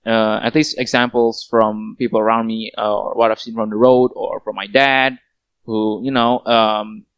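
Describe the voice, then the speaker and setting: A man's voice: lowish voice, flat delivery, moderate pace, clean tone, no echo. A young man co-hosting a casual podcast, talking with many fillers and restarts. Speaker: podcast co-host.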